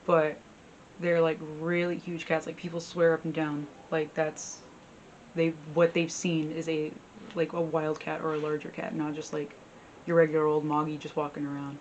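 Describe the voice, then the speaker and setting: A woman's voice: low voice, level tone, moderate pace, darkish tone, highs cut off, a little hiss or hum. A woman hosting a folklore vlog, telling stories in a rambling, chatty way full of fillers. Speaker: folklore video host. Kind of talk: casual storytelling vlog.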